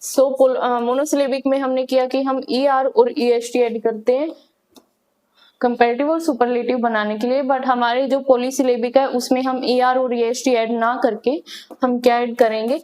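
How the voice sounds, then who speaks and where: In a classroom grammar lesson, a woman teaching English speaks with a fairly high voice that is steady, smooth, and darkish in tone. She walks through each step, answers her own questions, and gives slow, spelled-out examples.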